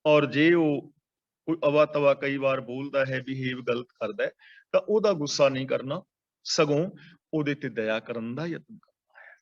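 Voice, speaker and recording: A man's voice: mid-range voice, moderate pace, muffled recording. A Sikh preacher giving an earnest Gurbani discourse, stressing and repeating his points.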